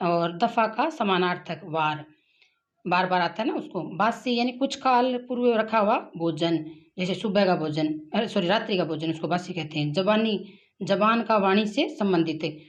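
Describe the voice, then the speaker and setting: A woman teaching a grammar lesson for exam prep, reading out word lists slowly and deliberately, with short explanatory asides. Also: mid-range voice, lively intonation. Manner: slow, deliberate listing of words with asides.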